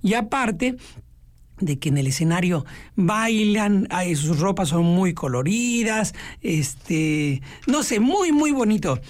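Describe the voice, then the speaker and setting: A woman's voice: mid-range voice, slow. A woman with a Mexican accent hosting a radio music program, chatting casually and acting out little voices. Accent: Mexican Spanish. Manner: chatty, animated, acts out voices in quotes. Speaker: radio host.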